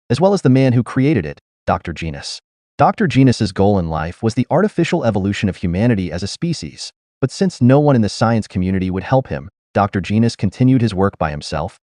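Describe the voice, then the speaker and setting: Low, lively male storyteller. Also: no echo, studio quality. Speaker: story narrator. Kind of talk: scripted narration.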